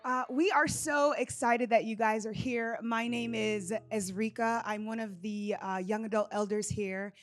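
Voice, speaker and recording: A young adult woman from Jamaica, a church elder, sharing her testimony in a relaxed, conversational way with frequent fillers. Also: a little high, unhurried, few pauses. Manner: conversational, rocking back and forth, frequent fillers. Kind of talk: sermon testimony. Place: church service.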